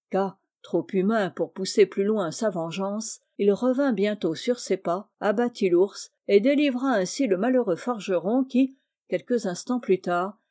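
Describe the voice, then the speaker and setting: A woman narrates a storybook tale with a measured, expressive delivery. Her voice sits in an ordinary middle pitch and sounds mellow and warm. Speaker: audiobook reader. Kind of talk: read-aloud storytelling.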